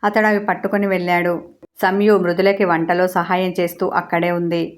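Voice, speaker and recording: A woman reading a romance serial aloud as storyteller, in a steady, even way. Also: on the low side. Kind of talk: scripted narration of a romance serial.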